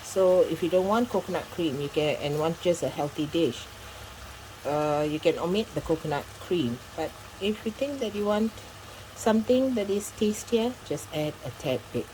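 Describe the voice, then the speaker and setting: A middle-aged woman hosts a cooking channel from her home kitchen, giving chatty step-by-step instructions full of asides. Her voice is on the low side and darkish, with lively intonation at normal speed. The audio is poor, with a little hiss or hum.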